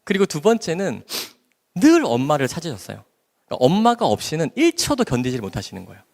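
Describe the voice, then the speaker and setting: A man's voice: on the high side, quick pace, vocal fry. A man, a doctor, giving an emotional church testimony in a large hall. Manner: emotional, animated storytelling. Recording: long hall reverb.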